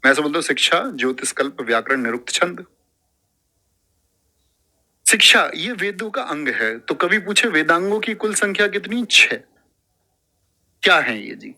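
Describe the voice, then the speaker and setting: A man teaching a classroom lecture in a lively, lecturing way, repeating terms aloud and sometimes reciting verse. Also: on the high side, moderate pace, long pauses.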